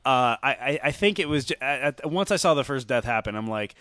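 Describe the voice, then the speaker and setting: A man in casual podcast chat about films, animated and profane, often restarting his sentences. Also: medium pitch, fairly quick, dry recording, studio quality. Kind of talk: casual chat, film criticism.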